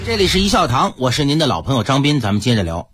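Husky-voiced male radio host. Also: mid-range voice, racing, faint music behind. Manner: storytelling tone, lively rise and fall. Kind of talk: radio show narration.

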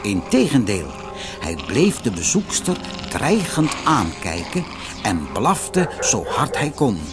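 A man reading a fairy-tale audiobook in an expressive, theatrical storytelling manner. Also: medium pitch, slow, over music. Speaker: narrator.

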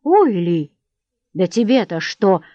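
A gruff, cornered vagabond man snaps back at the crowd, as a woman narrator puts him on. Her voice stays dry and a little muffled in the recording. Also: mid-range voice, big pitch swings, takes it slowly, no room sound. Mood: defiant. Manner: rough, defiant shouting.

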